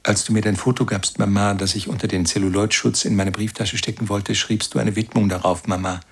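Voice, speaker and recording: A grown son looking back on a harsh, pious childhood in a literary radio drama. His voice is low and gravelly with a husky, rough edge, and his recollection is slow and brooding. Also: steady tone. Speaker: first-person narrator. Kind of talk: literary radio play narration.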